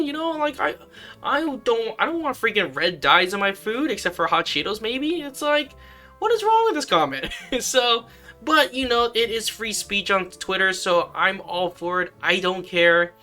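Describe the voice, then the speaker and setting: Bright-voiced man rambling in a vlog. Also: big pitch swings, moderate pace, soft background music. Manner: rambling, with many fillers and sudden upward swings in pitch. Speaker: vlogger. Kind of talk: casual commentary vlog.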